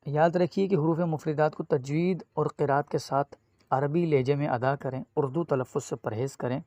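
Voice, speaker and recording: A man's voice: a little high, fairly even intonation, mellow, no room sound. A man teaching an online lesson on Quran reading, speaking directly to his viewers and drawing out each letter as he recites it.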